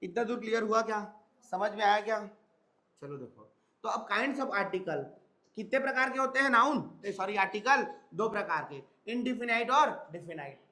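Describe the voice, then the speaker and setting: A hoarse man teaching a grammar lesson to a class, often stopping to check whether students have understood. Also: sits high, expressive, normal speed, pushed and bright. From India. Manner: repeats check-in questions to students.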